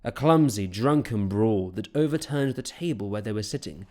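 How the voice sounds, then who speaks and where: A man narrating a fantasy audiobook in a steady, measured storytelling voice. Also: fairly low pitch.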